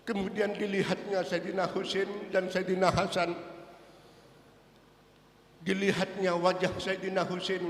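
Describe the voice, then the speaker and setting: High-pitched guy preaching a story, gets loud and emotional, big echoey hall. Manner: emotional, swings from hushed to shouted cries. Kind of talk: sermon storytelling. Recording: echoey hall with long reverb.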